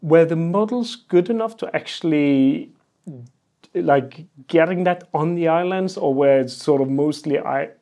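A man's voice: a little high, measured pace, warm tone. A man hosting a podcast interview in a festival booth and asking questions in a casual, easygoing way. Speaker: podcast host.

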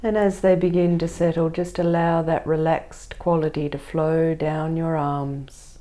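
A woman guides a meditation and body scan in a soft, soothing, gentle voice, using short, spaced phrases. Her voice is low-pitched, her delivery flat and her pace measured.

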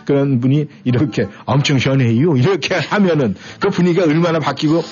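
A man's voice: on the high side, brisk, darkish tone. A man hosting a radio show, chatting casually and playfully mimicking dialects. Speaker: radio host. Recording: muffled radio broadcast.

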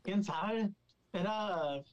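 A man's voice: sits high, drawn-out words, muffled recording. A man, a guest telling stories casually in a mix of Spanish and English. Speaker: guest paranormal investigator. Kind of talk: casual bilingual storytelling.

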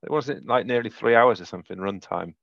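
A man with a Yorkshire accent talks through his favourites of the year in a relaxed, rambling way, full of ums and easy laughs. His voice sits low, and the sound is dry and a little dull, as if through a modest microphone. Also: brisk, vocal fry, dry recording. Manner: laughing, rambling with many fillers. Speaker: podcast co-host. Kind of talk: casual chat.

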